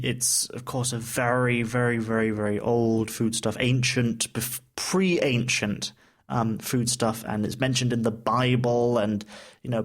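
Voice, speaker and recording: A man co-hosts a relaxed travel chat show, talking in a loose, playful way. He fills his pauses with ums and uhs and plays around with words. His voice sits at an ordinary middle pitch. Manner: chatty, playful with words, many fillers. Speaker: co-host. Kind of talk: casual podcast chat.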